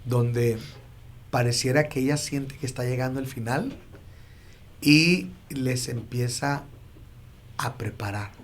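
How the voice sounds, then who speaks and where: A man, a pastor hosting a podcast who asks thoughtful, gentle questions. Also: medium pitch, slow pace, long pauses. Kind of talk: interview.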